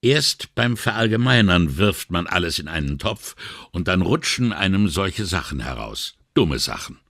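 A man's voice: deep voice, sing-song, normal speed, a bit bright, no echo, studio quality, full character voice. A man voicing a weary, indignant middle-aged male police inspector in an audiobook, sighing and exasperated. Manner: sighing, exasperated and morally upset. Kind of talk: audiobook character reading.

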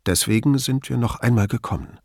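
A man voicing a calm investigator who gently questions a dying woman in a casual tone. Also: mid-range voice, a little fast, no echo, clean studio sound, natural voice. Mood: gentle, coaxing.

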